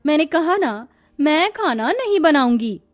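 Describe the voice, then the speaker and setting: A woman's voice: sits high, sing-song, unhurried, faint music behind, pitched above the performer's own voice. A woman voicing a stubborn, spoiled young bride in a cartoon story who talks in a petulant way. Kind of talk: Hindi cartoon voice acting.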